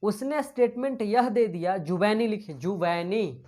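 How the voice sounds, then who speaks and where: A woman's voice: medium pitch, lively intonation, unhurried, warm tone. A woman giving an exam-prep history lecture, dictating notes and asking and answering her own questions in a chatty way with English terms mixed in. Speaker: history teacher.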